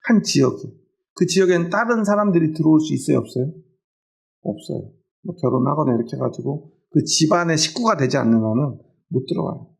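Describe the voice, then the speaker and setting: Gravelly-voiced Korean pastor preaching conversationally. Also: male voice, fairly high pitch, expressive, brisk. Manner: conversational preaching with questions to the congregation. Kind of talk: sermon.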